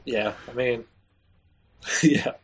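A man with an average-pitched voice chats informally. He talks as one of a podcast's co-hosts in a loose, conversational style. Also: steady tone, very slow, breathy edge. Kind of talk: casual chat.

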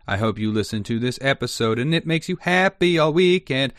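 A man's voice: medium pitch, lively intonation, a little fast, a bit bright, no echo, studio quality. A man hosting a podcast in an informal, sweary, chatty way. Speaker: podcast host. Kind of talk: casual chat.

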